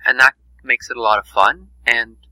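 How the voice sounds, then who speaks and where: A man talking casually on a podcast, halting and repeating words before getting his point across. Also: mid-range voice, fairly even intonation, bright, forceful tone, no echo, rough recording.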